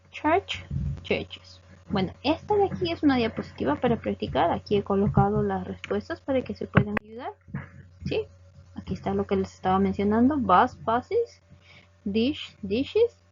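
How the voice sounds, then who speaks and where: A woman's voice: medium pitch, slightly rough. A woman teaching English grammar over slides, explaining patiently step by step and often checking understanding. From Peru. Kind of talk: recorded slide lesson. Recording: dull lo-fi audio.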